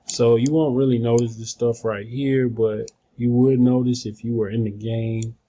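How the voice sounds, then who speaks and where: Man, casual tutorial presenter, informal rambling delivery, average pitch, muffled lo-fi phone sound, away from the mic. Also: level tone, moderate pace, warm tone. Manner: informal, rambling, thinking aloud. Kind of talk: casual off-the-cuff software tutorial. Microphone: phone, some distance away. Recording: dull phone recording, distant from mic.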